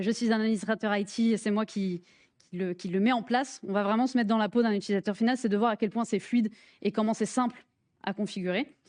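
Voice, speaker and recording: A woman with a French accent leads a live workshop in a conference room, her voice sitting a little high. She talks in a friendly, joking way, full of fillers and restarts. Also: a little mellow. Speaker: presenter leading a hands-on workshop.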